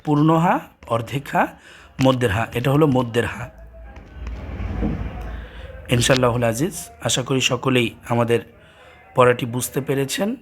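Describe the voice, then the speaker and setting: A man with a Bangladeshi accent teaching a Quran reading lesson, sounding out letter pairs slowly and repeating each drill. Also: mid-range voice, soft background music. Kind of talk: slow recitation lesson with drills.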